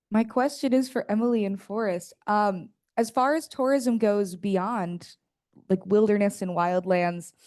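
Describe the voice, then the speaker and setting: A woman's voice: mid-range voice, a little mellow, dry recording, studio quality. A woman from the audience asking a conference panel an earnest, carefully worded question.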